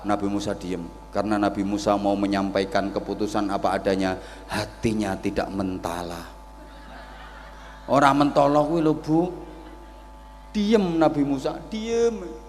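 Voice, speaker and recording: A man's voice: lowish voice, measured pace, long pauses, a little mellow, in a large hall, slight background noise. A middle-aged man with a Javanese accent preaching a humorous sermon at a religious gathering, theatrical and joking.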